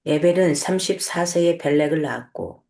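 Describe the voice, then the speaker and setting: A woman with a notably low-pitched voice reads scripture aloud and then talks it through. Her teaching is relaxed and conversational, full of small fillers and self-corrections. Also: normal speed, creaky. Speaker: host, Bible teacher. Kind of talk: Bible reading and casual explanatory teaching.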